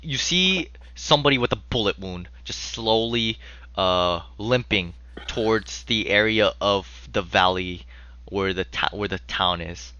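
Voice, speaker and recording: A man improvising tabletop game narration as game master, casual, halting and sweary. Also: lowish voice, pushed and bright, clear, resonant tone, highs cut off.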